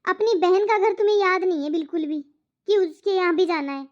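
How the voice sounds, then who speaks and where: A shrill, very high nagging mother-in-law in a cartoon moral story. She scolds, accuses and lectures without letup. The audio is slightly dull and lo-fi. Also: a little fast. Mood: scolding. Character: scolding middle-aged mother-in-law, nagging and sharp-tongued.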